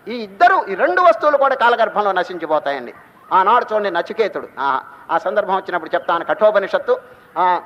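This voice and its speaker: An older man giving a spiritual discourse, chanting Sanskrit verses slowly and explaining them with questions to his listeners. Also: high voice. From Telugu-speaking South India. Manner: asks the audience rhetorical questions. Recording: long reverb, dull lo-fi sound.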